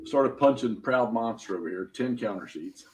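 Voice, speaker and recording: Chatting casually with his tabletop gaming friends, a fifty-something man spins long stories and laughs at his own jokes. His mid-range, darkish voice is expressive and moves at normal speed, with faint music behind.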